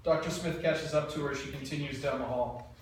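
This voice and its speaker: At a table read, a male narrator reads screenplay scene directions briskly in a mid-range, fairly even voice, plain and matter-of-fact. The mic sits far off in an echoey room with faint noise.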